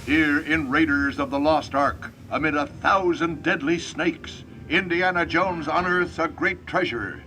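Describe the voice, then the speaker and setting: Portentous male announcer, bright and forceful, formal dramatic film narration, slightly noisy on-ride recording. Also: fairly high pitch, unhurried, few pauses. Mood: ominous. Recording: noisy on-ride camera capture.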